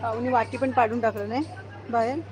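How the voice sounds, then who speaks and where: A woman's voice: fairly high pitch, steady tone, fairly quick, a crowd in the background. A woman vlogging at home, talking to her dog and birds in coaxing baby talk. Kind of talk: casual home vlog chatter.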